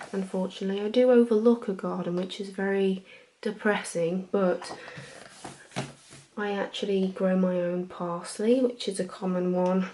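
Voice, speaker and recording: Chatty female librarian, acted by a woman, gentle ASMR role-play, dark relaxed tone, noisy recording. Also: medium pitch, natural voice. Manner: soft-spoken, gentle, informal. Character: friendly, chatty female librarian recommending books.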